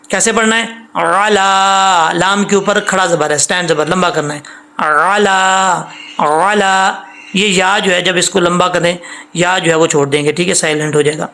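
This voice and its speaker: A man with a fairly high voice and a Pakistani Urdu accent teaches Quran recitation. He explains patiently and repeats, stretching each demonstration syllable slowly. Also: fairly bright tone. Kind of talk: tajweed lesson, explaining and demonstrating pronunciation.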